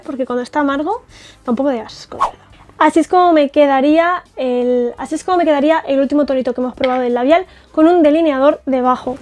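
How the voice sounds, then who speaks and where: Trying on makeup for the camera, a young makeup artist with a Spanish accent from Spain reviews cosmetics in a chatty, effusive way, leaning on fillers and tag questions. Her voice is high-pitched with a darkish tone, and faint music sits in the background.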